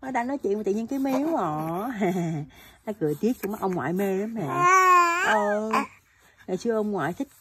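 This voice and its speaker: A woman's voice: medium pitch, expressive, normal speed, darkish tone. A woman in a home vlog talking to her baby son in teasing, playful baby talk, repeating her words. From Vietnam.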